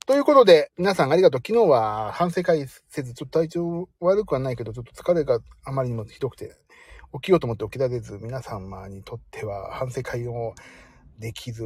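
Chatting self-deprecatingly from his parked car, a livestream host reads listener comments aloud during a casual stream. He has a mid-range, somewhat mellow, husky voice with no room sound.

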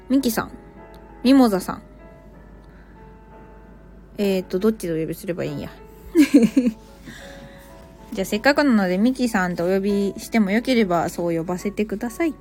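A woman's voice: a little high, darkish tone. A woman who teaches English at a cram school, chatting casually on a live stream and reacting to listener comments with small laughs.

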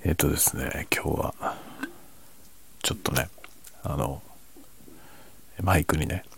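A man chatting casually and quietly late at night, half whispering as if others in the house are asleep. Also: a bass voice, takes it slowly, vocal fry, slight background noise. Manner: speaks quietly, half whispering, so as not to wake sleeping family. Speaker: host of a late-night audio chat. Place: at home at night. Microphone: microphone without windscreen, slightly backed away.

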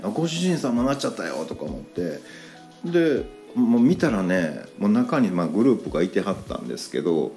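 Lively low-voiced man with Kansai accent. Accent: Kansai Japanese. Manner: animated, acts out quoted lines in a higher voice. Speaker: podcast host. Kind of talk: casual storytelling monologue.

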